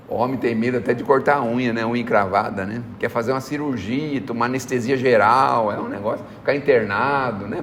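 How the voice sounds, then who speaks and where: A man's voice: medium pitch, big-room sound, a little hiss or hum. A man with a Brazilian accent giving a folksy spiritual talk, telling anecdotes, acting out voices, and asking "né?" again and again. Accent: Brazilian Portuguese. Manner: folksy storytelling, acts out quoted voices, frequent "né?". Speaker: spiritist lecturer.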